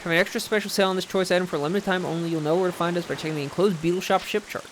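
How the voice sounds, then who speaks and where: A man doing a squeaky hard-selling shopkeeper. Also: steady tone, racing, noisy background, close to an everyday voice. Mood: pitching.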